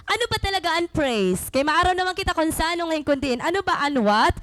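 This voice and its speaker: Waray filipino woman preacher, pretty high voice, dry sound, lively sermon mixing waray and english. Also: fairly quick, dry recording, low-quality recording. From Samar, Philippines. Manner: animated, mixing Waray and English mid-sentence; teaching, repeats and defines key words.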